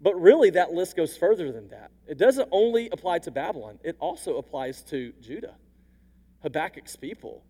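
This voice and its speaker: A man preaching a sermon as a pastor, moving between quiet intimate passages and loud emphatic ones. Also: fairly high pitch, very animated, moderate pace, in a large hall.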